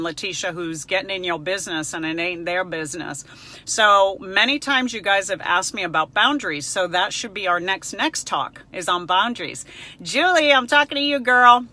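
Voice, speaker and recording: Answering viewers' questions on a live stream, this middle-aged counselor, a native Spanish speaker, chats casually and frankly. Her mid-range voice sounds pushed and bright, and she comes across as personable and emphatic.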